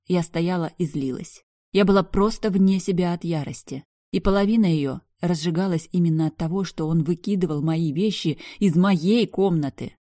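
A woman giving expressive first-person narration of an audiobook. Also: lowish voice, dry recording, clean studio sound.

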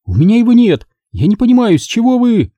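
Man voicing a shrill indignant rich woman. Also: big pitch swings, moderate pace, mellow, no echo. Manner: shrill, squealing protests.

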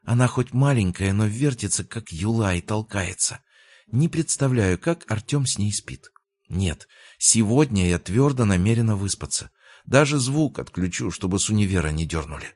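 A man reading the lines of an affectionate, stubborn young girlfriend in an audiobook, with his voice lightly raised and lively. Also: on the low side, normal speed, no room sound, pitched above the performer's own voice. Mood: complaining.

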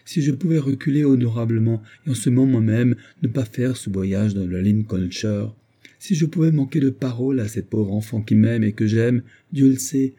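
A man with a mellow voice, lightly acted, plays an anguished young widower haunted by his dead wife. He pleads emotionally, his pitch rising as he goes.

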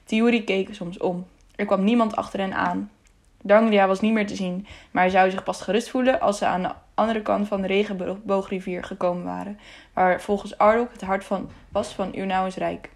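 A woman narrating a children's novel as an audiobook in a calm, measured way. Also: mid-range voice.

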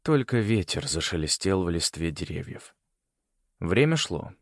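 Low-voiced expressive male narrator. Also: a little slow, no echo, studio quality. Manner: expressive, voicing characters. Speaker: audiobook narrator. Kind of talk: scripted narration.

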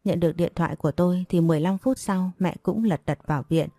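A woman narrating a first-person audiobook story in a measured, even reading. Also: lowish voice, no echo, clean studio sound, faint music behind.

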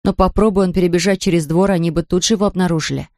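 A woman narrating a children's storybook in an expressive, even reading. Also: on the low side, rapid-fire, no room sound, studio quality. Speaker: audiobook narrator.

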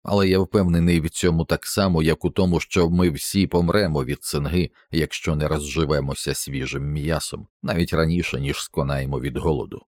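A man's voice: rumbling low, fairly even intonation, fairly quick, hardly any pauses, a little mellow, no echo, studio quality. A man voicing an earnest, worried expedition doctor who reasons carefully, in an audiobook. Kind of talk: audiobook character reading.

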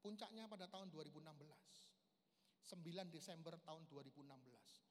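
A man gives an emotional church testimony, swinging from loud, high outbursts to hushed, low passages and calling the audience his brothers. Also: fast talker. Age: 40s. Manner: keeps addressing the audience as brothers. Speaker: lay preacher giving a testimony. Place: large reverberant hall at a men's camp. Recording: reverberant hall, faint background noise.

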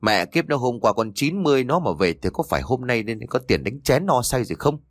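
A man voicing a scheming, idle village husband who talks in a gruff, grumbling way. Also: mid-range voice, very animated, brisk, no echo, clean studio sound.

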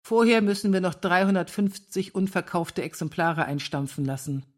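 Gloomy male scholar, bitter and melancholy, lowish voice, read by a woman, storybook reading. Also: animated, moderate pace. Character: melancholy man, scholar and librarian.

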